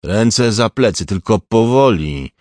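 A man voicing a senior male police officer who gives slow, firm orders in an audiobook. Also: fairly low pitch, animated, fairly bright tone, breathy edge, no echo, studio quality. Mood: commanding.

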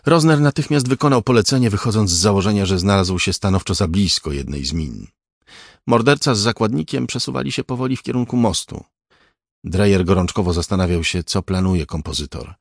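A man reading a crime thriller aloud as an audiobook narrator, in a measured, even way. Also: on the low side, gravelly, no room sound, studio quality.

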